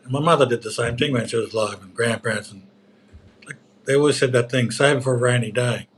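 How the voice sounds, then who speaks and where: A man's voice: medium pitch, quick pace. A man with an Australian accent co-hosting, speaking earnestly and with emphasis in colloquial talk. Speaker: co-host. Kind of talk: casual yarn.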